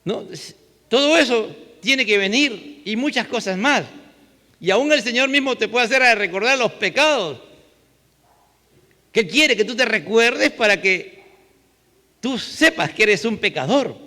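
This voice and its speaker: A man's voice: extremely high pitch, lively intonation, unhurried, pauses often, bright, forceful tone. A man with a Peruvian Spanish accent preaching a sermon as pastor, conversational, asking rhetorical questions and adding tag questions. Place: church. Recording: long hall reverb.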